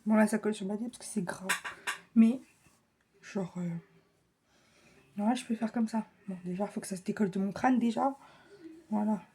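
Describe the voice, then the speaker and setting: A young woman chatting casually in a vlog, rushed and flustered, self-mocking, often dropping to a whisper. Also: medium pitch, dark tone, slight background noise. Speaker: vlogger.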